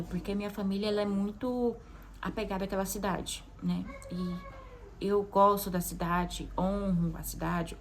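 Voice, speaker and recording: A woman's voice: mid-range voice, vocal fry, darkish tone, a little hiss or hum, poor audio. A young adult woman with a Brazilian Portuguese accent, a mother sharing a personal testimony in a chatty, heartfelt way with frequent tag questions. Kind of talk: casual confessional monologue.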